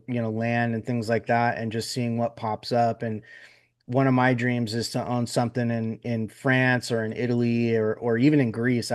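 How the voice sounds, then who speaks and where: A man's voice: medium pitch, darkish tone. A man hosting a podcast interview in a casual, rambling way, with lots of fillers and repeated words. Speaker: podcast host.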